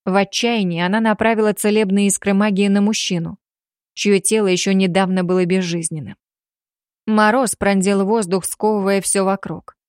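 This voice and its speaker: A woman narrating an audiobook in a steady, measured voice at an ordinary pitch. The recording is dry and close, with no room sound around her. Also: no room sound.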